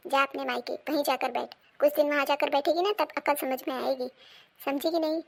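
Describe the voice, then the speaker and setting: A woman's voice: high voice, fairly even intonation, brisk, creaky. A woman playing a scolding mother-in-law. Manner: scolding, commanding. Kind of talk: amateur family comedy drama.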